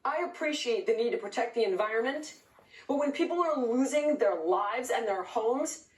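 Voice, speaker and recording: A woman from California pressing her case as an interview guest, angry and insistent. Her voice sits a touch high, and it comes through roomy and a little distant from the mic. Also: animated. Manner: outraged, rapid-fire, emphatic. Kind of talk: heated remote interview.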